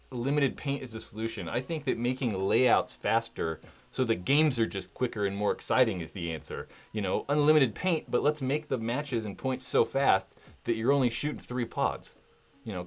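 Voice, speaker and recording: Streaming live from his home, a male host talks in a mid-range voice, loose and candid. His rambling is full of "like" and "right?", with the occasional swear word.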